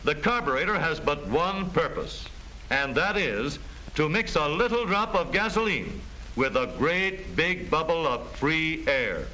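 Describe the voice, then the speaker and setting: With big pitch swings and a bright, forceful tone, a high-voiced American narrates a 1930s-style educational film, a little slowly and with formal emphasis. The low-quality vintage recording has a faint layer of noise.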